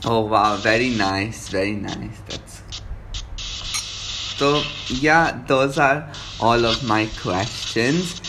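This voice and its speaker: A man who asks his questions in an unhurried, friendly way and reassures the other person. He speaks very slowly. Clear noise runs behind him. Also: mid-range voice. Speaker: interviewer. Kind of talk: casual phone interview. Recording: noisy background.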